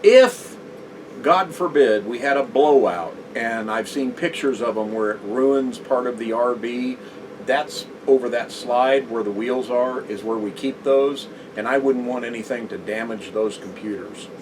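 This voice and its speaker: A man's voice: medium pitch, measured pace. Easygoing man talking from across an RV. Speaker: RV vlog co-host. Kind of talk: casual chat. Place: inside an RV. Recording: distant mic with steady background noise.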